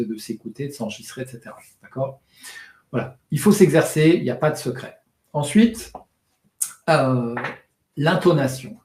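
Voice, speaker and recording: A man coaching public speaking in a live online session. He jumps between his normal voice and exaggerated demonstrations, now shouting, now rushing, now flat. He talks fast and swallows some words, and the room gives off a noticeable echo. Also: medium pitch. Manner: demonstrative, exaggerates loud, fast and monotone delivery for effect.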